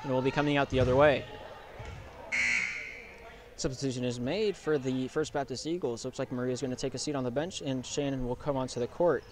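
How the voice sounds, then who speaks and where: A young man calls a basketball game play by play, rattling off passes and shots in quick succession. His voice jumps up loud and excited whenever a basket drops. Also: medium pitch. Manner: rapid play calling, bursts of loud excitement on scores. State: out of breath. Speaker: play-by-play commentator. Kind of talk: live basketball play-by-play commentary.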